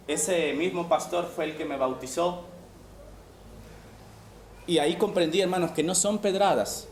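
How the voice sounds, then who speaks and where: Echoey preacher. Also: medium pitch. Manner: rhetorical questions, often addresses listeners as brothers. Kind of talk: sermon. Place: church sanctuary. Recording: echoey hall, mic from far off, faint noise.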